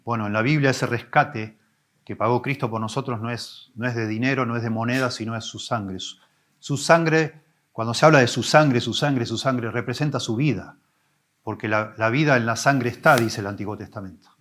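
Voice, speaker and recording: A man, a pastor preaching an expository sermon, teaching with emphatic rises and soft low drops. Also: moderate pace. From Argentina.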